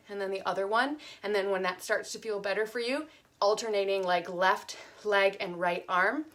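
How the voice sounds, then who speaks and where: A woman's voice: mid-range voice, fairly bright tone. A young woman instructor casually talking through core exercises while doing them, slightly out of breath, with lots of fillers. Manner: chatty, many fillers, counts aloud while demonstrating. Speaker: fitness instructor.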